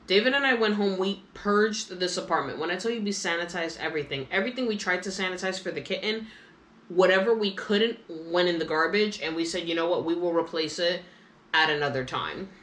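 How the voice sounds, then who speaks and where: A woman's voice: fairly low pitch, fairly bright tone, reverberant. Chatty woman telling a story. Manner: chatty, emotional, many "you know" fillers. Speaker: vlogger. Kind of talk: casual storytelling while coloring.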